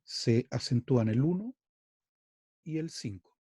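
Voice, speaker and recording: A man from Chile gives an online lesson on verse and meter at an unhurried pace. His tone is mellow, and he often stops to repeat a word before going on. The sound is dry and close, with no room around it. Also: medium pitch, lively intonation, breathy edge, dry recording. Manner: slow and halting, repeats words, spoken examples. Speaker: music teacher. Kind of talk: online class lecture.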